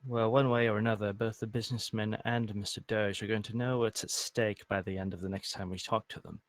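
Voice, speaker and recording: A man's voice: fairly low pitch, flat delivery, a little fast, no room sound. A man playing a tabletop game in character, talking things through in an earnest, deliberating way. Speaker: player. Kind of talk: in-character tabletop role-play.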